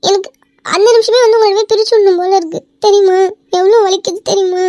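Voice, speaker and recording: A woman's voice: very high-pitched, fairly even intonation, fast, no echo. A woman voicing a jealous, tearful young wife. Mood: tearful, hurt. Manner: tearful and pleading, then sharp and possessive. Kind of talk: amateur cartoon voice acting.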